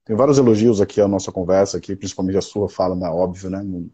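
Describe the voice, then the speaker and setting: A man's voice: sits low, steady tone, fast talker, warm tone, husky, muffled recording. A Brazilian man hosting a live online interview, asking casual, friendly questions. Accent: Brazilian Portuguese.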